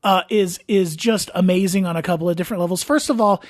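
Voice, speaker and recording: A man's voice: high voice, fast talker, no room sound, studio quality. A man hosting and producing a casual podcast, rambling through stories full of restarts and fillers.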